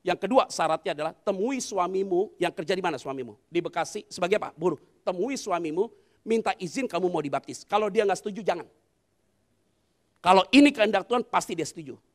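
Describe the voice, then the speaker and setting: A man's voice: high-pitched, expressive, quick pace. A male pastor preaching a sermon. He tells a story, acts out the dialogue and calls on the congregation to respond.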